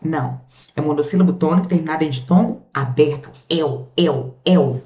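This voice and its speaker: Brazilian lady teacher going through grammar rules, chatty, lowish voice, dull echoey sound. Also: faint music behind. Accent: Brazilian Portuguese. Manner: lively, chatty, drawn-out stressed words. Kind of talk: online grammar lesson. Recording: muffled, echoey room.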